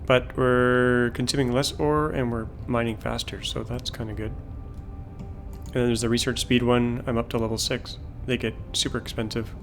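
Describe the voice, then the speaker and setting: This let's-play host speaks at a moderate pace in a flat, medium-pitched voice over soft background music. Building a factory in-game, he idly muses about his production lines and remarks that his voice is fading.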